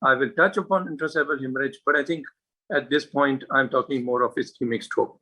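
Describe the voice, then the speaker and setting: A man's voice: mid-range voice, steady tone, brisk, sharp tone, low-quality recording. A man giving a medical lecture, earnest and emphatic, with frequent filler words and rhetorical questions. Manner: earnest, hesitant with frequent uh and you know fillers. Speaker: neurologist giving a talk.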